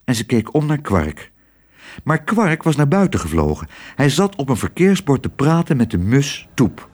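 Expressive man reading a children's story. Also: medium pitch, moderate pace, husky. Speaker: narrator.

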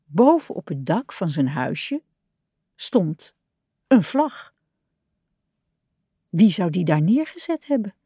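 A woman reading a children's storybook aloud in an expressive, warm way. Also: fairly low pitch, slow, long pauses, husky, no echo, clean studio sound. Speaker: audiobook reader.

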